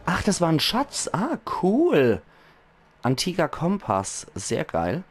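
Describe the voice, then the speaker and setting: A hoarse man with a Palatinate German accent, chatting enthusiastically as he comments on a video game. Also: a little high, huge pitch swings, slow pace. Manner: chatty, enthusiastic, laughs often. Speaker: let's play host. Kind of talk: casual gaming commentary.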